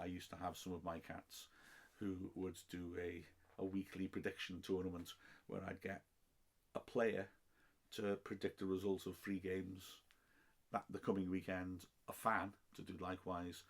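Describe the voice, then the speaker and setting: On a podcast, a middle-aged Welshman who works as a football commentator answers listener questions in a chatty, self-deprecating way, often umming and restarting. His Welsh-accented voice sits low, with a flat delivery at normal speed.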